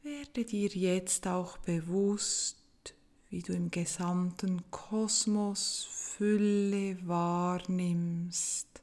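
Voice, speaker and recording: Very slow, soft-spoken woman guiding meditation. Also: lowish voice, steady tone. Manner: soft, gentle, breathy delivery with long pauses. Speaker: meditation guide. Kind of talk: guided meditation narration.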